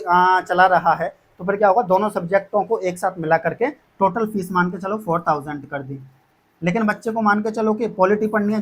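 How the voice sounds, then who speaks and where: A man with a notably high-pitched voice speaks to his students like a teacher. He explains plans step by step, often circling back and repeating himself to reassure them. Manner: repetitive, reassuring, addresses students as kids. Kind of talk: explaining course fees to students.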